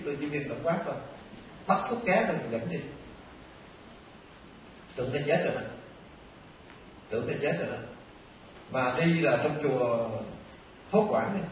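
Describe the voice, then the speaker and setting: An older Vietnamese man, a Buddhist monk, giving an animated storytelling dharma talk to a temple audience. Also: on the high side. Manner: animated, conversational, addresses listeners often. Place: temple hall. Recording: echoey distant hall recording with faint noise.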